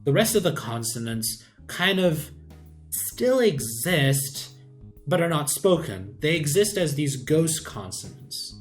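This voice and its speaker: A man explaining the sound system of his invented language in a casual, thinking-aloud way, pausing often with "uh". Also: a little high, sing-song. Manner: unhurried, thinking aloud with many "uh" pauses. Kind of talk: casual screen-share explainer. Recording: faint background music.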